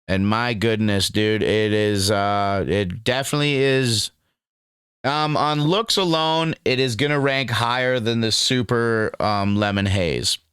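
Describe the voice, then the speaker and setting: A man's voice: on the low side, a bit bright, smooth, dry recording, studio quality. Laid-back young man reviewing on camera. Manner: laid-back and rambling, calls the viewer dude and man. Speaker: cannabis strain reviewer. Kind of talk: casual review vlog.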